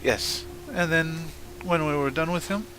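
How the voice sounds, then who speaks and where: A man speaking in character during a tabletop game, polite, formal and measured. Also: on the high side, over music, rough recording. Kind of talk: in-character role-play discussion.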